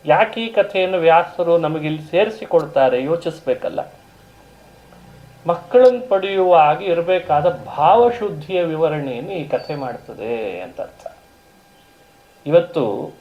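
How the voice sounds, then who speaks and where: High-voiced man telling a sermon story. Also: muffled recording. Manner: explains Sanskrit terms, asks the audience rhetorical questions; retells the story with quoted dialogue in lively bursts. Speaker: religious discourse speaker.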